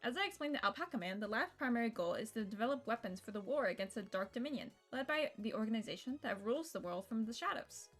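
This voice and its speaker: Her pitch sits fairly high and her intonation is lively as she talks quickly with hardly any pauses. This young adult streamer jokes casually, reads on-screen text, and curses occasionally over the visual novel's background music.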